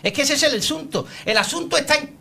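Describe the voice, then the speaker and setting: A man, his voice sitting high for a man. He argues insistently in a heated debate and keeps cutting across the others, pressing his point. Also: lively intonation, fast, creaky, sharp tone. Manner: insistent, talks over others. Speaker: debate guest defending bullfighting.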